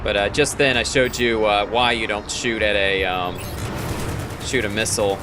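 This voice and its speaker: A man's voice: lowish voice, steady tone, normal speed. A man giving casual, explanatory gameplay commentary in a matter-of-fact way. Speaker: let's play host. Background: game music and battle effects.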